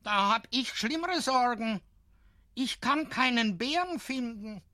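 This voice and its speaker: A man's voice: very high-pitched, slow, dry recording, studio quality, pitched above the performer's own voice, heavily acted. A man voicing a small, eager, boastful boy from a storybook who wants to wrestle a bear. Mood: bold. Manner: excited, boastful.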